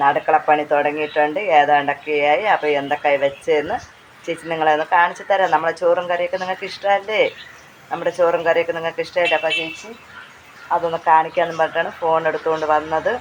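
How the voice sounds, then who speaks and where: Hoarse Kerala woman, casual cooking vlogger, phone-held mic, faint sizzle under. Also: low-pitched, flat delivery, quick pace, slight background noise, rough recording. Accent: Kerala Malayalam. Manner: chatty, repeats phrases, tag questions. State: hoarse from talking. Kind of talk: casual chat while cooking. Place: home kitchen. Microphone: handheld phone. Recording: faint frying sounds behind.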